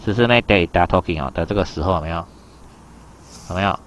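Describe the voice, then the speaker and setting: A man's voice: deep voice, fast, fairly bright tone, slight background noise. A man teaching an exam reading lesson, explaining in a loose chatty way and keeping asking his students whether they follow. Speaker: Japanese teacher.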